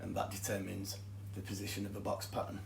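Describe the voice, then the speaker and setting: Speaking quickly and in a monotone, this man has a fairly low pitch with vocal fry and a little hiss or hum. He's a thickly accented Yorkshire guitar teacher methodically explaining scales and chords in an echoey room with guitar music behind him.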